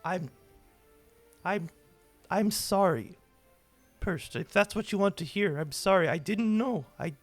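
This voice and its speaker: A man playing an earnest, reproachful hero confronting his cousin in a tabletop game, speaking haltingly. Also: sits high, expressive, dry recording, soft background music. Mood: pleading.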